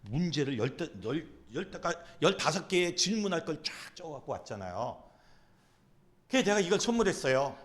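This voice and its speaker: Emphatic, high-voiced male pastor lecturing. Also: big pitch swings, brisk. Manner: emphatic, repeats key phrases; acts out angry quotes. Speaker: pastor teaching a class. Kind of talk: animated lecture.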